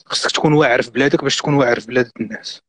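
A man's voice: medium pitch, very fast, fairly bright tone, dry recording. A middle-aged man from Morocco with a Moroccan accent, a guest on a live stream, giving earnest, insistent advice and mixing in French and English words.

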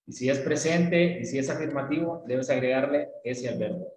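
A man's voice: mid-range voice, moderate pace, darkish tone, heavy reverb, poor audio. A man from Latin America teaching an English lesson, explaining patiently with images and asking questions.

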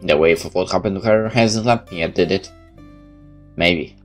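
This let's player has a low voice and talks at a normal speed. With no camera, he plays a game, reads its narration out loud, and throws in his own comments while game music plays behind him.

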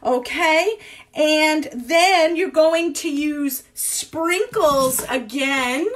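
A woman's voice: sits high, very slow. A woman in her forties teaching a live cooking class from her home kitchen, rambling and thinking aloud with lots of fillers.

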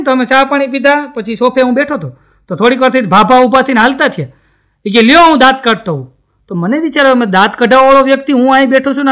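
High, quick comic storyteller man. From Gujarat, India. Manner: animated storytelling, acts out the people in his jokes. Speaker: stand-up comedian. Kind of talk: stand-up joke telling.

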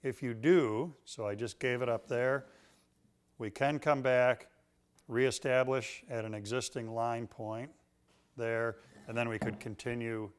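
A man's voice: mid-range voice, a little slow, smooth. Folksy middle-aged man teaching woodworking. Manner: relaxed, folksy, joking. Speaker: woodworking instructor. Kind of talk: instructional demonstration. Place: woodworking shop, indoors. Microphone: lapel mic.

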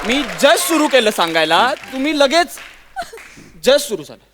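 A fed-up, high-voiced son-in-law. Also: male voice, sing-song, measured pace, over a noisy crowd, heavy background noise, heavily acted. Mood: exasperated. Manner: impatient, keeps interrupting to demand a hearing. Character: exasperated young son-in-law complaining about his wife. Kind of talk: stage comedy sketch. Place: stage before a live audience.

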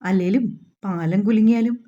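A woman's voice: mid-range voice, moderate pace, warm tone, muffled recording. A woman narrating her own serialized story, chatty and talking to her listeners directly. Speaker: audiobook author and narrator.

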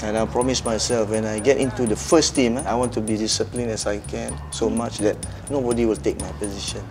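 A man's voice: fairly low pitch, steady tone, fairly quick, noisy background. Plain-spoken man with Singaporean English. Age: middle-aged. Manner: plain, direct, with local fillers. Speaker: football coach. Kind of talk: casual interview and coaching.

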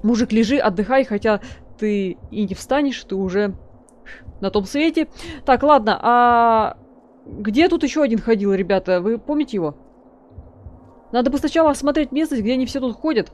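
A woman's voice: fairly high pitch, expressive, moderate pace, a little mellow. A woman hosting a let's play, chatting casually and joking while she talks to her viewers and to the characters on screen. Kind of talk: casual gameplay commentary.

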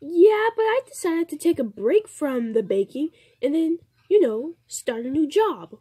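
A woman voicing a cheerful, bumbling female pony working a fast-food counter in a doll play, bubbly and apologetic. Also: high voice, big pitch swings, warm tone. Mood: chirpy.

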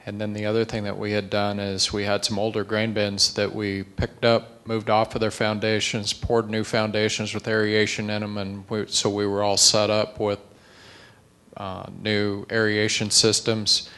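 A man's voice: fairly low pitch, normal speed, clean tone. A middle-aged man, a farmer on a conference panel, explaining his harvest in a matter-of-fact way. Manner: matter-of-fact, steady account. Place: conference meeting room.

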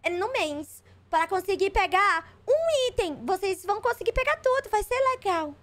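A woman's voice: very high voice, big pitch swings, moderate pace, fairly bright tone, pitched above the performer's own voice, full character voice. Woman mocking a sugary overpromising spokeswoman. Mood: sarcastic mimicry. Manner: mocking, sing-song, exaggerated.

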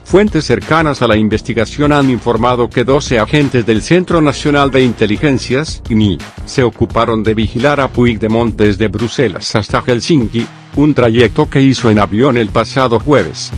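A man's voice: medium pitch, normal speed, few pauses, faint music behind. A man giving a scripted news narration, reading the text evenly and word for word. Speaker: news reader.

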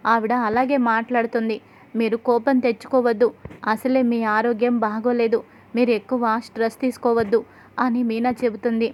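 A woman narrating a TV serial episode as a story, retelling scenes and voicing quotes in an even, steady way. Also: fairly high pitch, a little fast, slight background noise.

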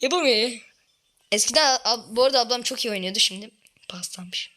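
A woman chatting excitedly and swearing while playing a phone game with her older sister at home, often shouting and laughing. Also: fairly high pitch, brisk. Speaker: gamer recording gameplay with her older sister. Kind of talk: excited casual gameplay chat.

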